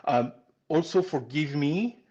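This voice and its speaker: Teaching pastry-making in a casual live-stream webinar, this French man in his forties speaks with a French accent, warmly and chattily, frequently restarting sentences amid many "um"s. His voice is on the high side, slow and slightly rough. On his computer mic the highs are cut off.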